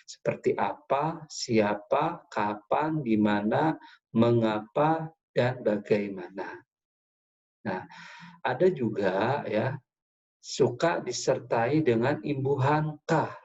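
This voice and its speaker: A man's voice: medium pitch, darkish tone, muffled recording. A male teacher giving a patient lesson to young pupils, often checking in with short fillers. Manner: patient, repeats "ya" and "nah" often. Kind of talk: classroom lesson for children.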